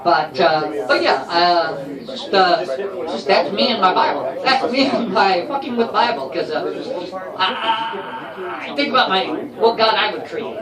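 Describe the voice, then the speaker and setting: A man's voice: sits high, expressive, moderate pace. Guy doing stand-up, rambling and swearing, echoey room, far from the mic, crowd around. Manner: rambling, profane, self-mocking. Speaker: stand-up comedian. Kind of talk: stand-up set. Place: comedy open mic in a garage. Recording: roomy far-off live recording with crowd.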